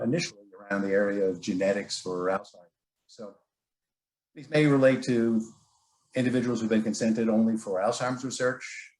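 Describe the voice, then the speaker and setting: A man presents formally over a video call, his somewhat low voice coming through a laptop's built-in microphone. His audio keeps cutting in and out and sometimes sounds distant. He speaks in a measured, halting way. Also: darkish tone, roomy sound. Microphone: laptop internal microphone.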